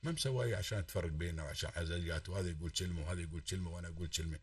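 Racing along in a deep voice, an Emirati-accented man makes an impassioned call-in argument, stacking up oaths and lecturing emphatically. He sounds distant from the microphone in a dry, echo-free space.

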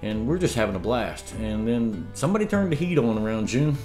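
With lively intonation and a fairly quick pace, this medium-pitched, slightly mellow voice is backed by faint music. It belongs to a homesteading vlogger in his fifties chatting casually in his home dining room. He rambles through stories, laughing and restarting, as a camera across the table records him.

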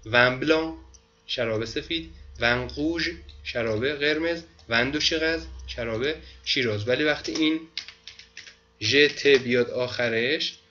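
Guy teaching french, repeats every word slow, sharp tone, kinda dull audio. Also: mid-range voice, a little hiss or hum. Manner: slow repetitive drilling of pronunciation. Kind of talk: online language lesson.

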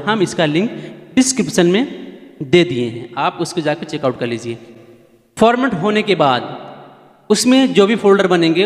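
Hosting a casual keyboard how-to, this man is chatty and repetitive, going over points again and frequently pleading with viewers to keep watching. His voice sits high, with a big-room sound.

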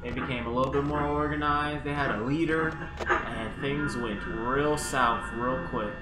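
A man's voice: medium pitch, steady tone, a little slow. A man in his twenties giving casual commentary as co-host of a gaming video. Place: indoor room. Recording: echoey room with game audio behind. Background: horror game music and sounds.

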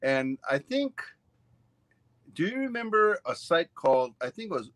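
Speaking at a measured pace, this man has a fairly high, very animated voice with a fairly bright tone, recorded dry. He's a Hawaiian ukulele teacher in his sixties sharing his story in a casual video-call interview from home via webcam, drifting into asides and fillers.

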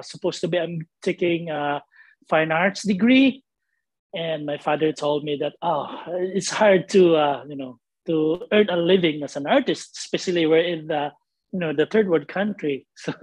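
Talking from his home studio over a video call, a man from the Philippines in his forties, a painter with a Filipino accent, is interviewed as a guest in a casual chat. His high-pitched voice comes through a webcam in a dry recording. He rambles in a relaxed way, with frequent laughs and fillers.

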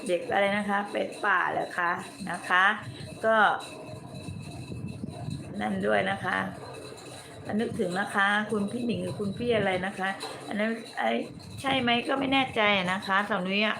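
A woman's voice: mid-range voice, a little slow, gravelly, background noise. A woman from southern Thailand with a mix of Southern and Bangkok Thai accents, chatting on a late-night livestream with fans in a blunt, coarse-tongued way. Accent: Southern Thai mixed with Bangkok Thai. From Nakhon Si Thammarat, southern Thailand. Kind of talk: casual late-night live chat. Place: indoors in a room.

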